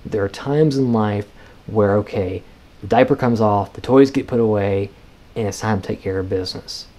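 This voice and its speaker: Male podcast host, young adult, dark warm voice, earnest and animated advice talk. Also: moderate pace. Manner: animated, earnest, pitch jumps up when excited. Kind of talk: casual advice monologue.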